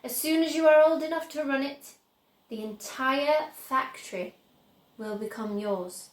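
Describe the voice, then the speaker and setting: A woman's voice: sits high, measured pace, echoey room, pitched above the performer's own voice. A woman voicing an eccentric, exuberant old man who owns a chocolate factory, speaking earnestly and emphatically in a storybook reading. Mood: pleased.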